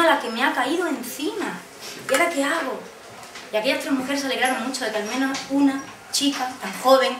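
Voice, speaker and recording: A woman speaker telling a lively personal story at a conference, acting out the voices she quotes. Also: high voice. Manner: animated, acts out quoted voices, laughs often. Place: conference room. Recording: echoey hall, distant mic, background noise.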